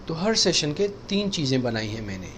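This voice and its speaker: A man teaching English pronunciation in a recorded lesson, repeating sounds and phrases slowly to drill them. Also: a little high, very animated, a bit bright, a little hiss or hum. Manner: drills sounds with slow, drawn-out repetitions.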